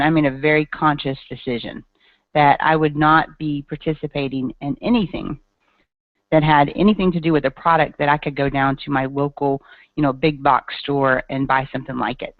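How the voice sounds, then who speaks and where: A woman's voice: low-pitched, no room sound. A woman with a Tennessee Southern accent, presenting earnestly and chattily on an online call, with many ums. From Tennessee, USA. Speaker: guest speaker. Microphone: video call. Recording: tinny dry call audio.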